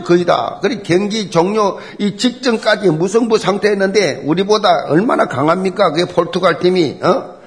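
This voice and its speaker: A middle-aged man preaching a sermon as pastor, emphatic and animated, driving points home with rhetorical questions and repetition. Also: high voice.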